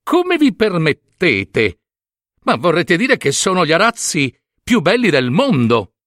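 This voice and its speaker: A man's voice: a little high, wildly swooping pitch, slow, fairly bright tone, dry recording, studio quality, voice pushed up, full character voice. A man doing a haughty vain weaver girl. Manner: haughty, scornful. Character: vain, arrogant young female weaver.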